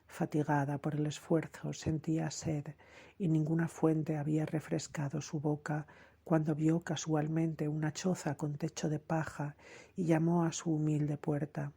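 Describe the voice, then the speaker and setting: A woman narrating an audiobook of classical myths in a steady, measured reading. Her voice is dark and husky, with little rise and fall in pitch. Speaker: audiobook reader.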